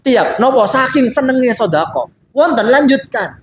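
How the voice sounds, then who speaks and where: A man with a Javanese accent preaching in a study hall, moving between chanted Arabic lines and lively storytelling. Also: extremely high pitch, moderate pace. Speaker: religious teacher. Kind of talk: sermon. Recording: echoey room, faint ambient noise.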